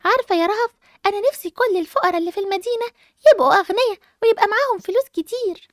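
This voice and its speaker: A gentle, kind-hearted schoolgirl with an Egyptian accent, speaking softly and earnestly in a very high voice, as a woman voices her. She talks quickly and is recorded dry and close. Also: no room sound. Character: kind, gentle schoolgirl sister who loves helping.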